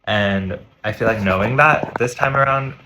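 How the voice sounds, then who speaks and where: A man's voice: lowish voice, normal speed, pushed and bright, a little hiss or hum, rough recording. A young man vlogging casually from home while lying down to stretch, talking in a rambling, upbeat way with a slight lisp from his retainers. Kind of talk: casual chatty vlog talk.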